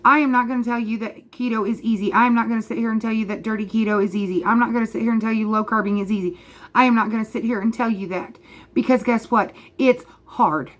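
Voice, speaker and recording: Vlogger, woman, 30s, passionate and emphatic, addresses viewer directly, voice on the high side. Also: fairly even intonation, quick pace. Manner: emphatic, repeats points, talks straight to the viewer. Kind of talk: passionate direct-to-camera rant.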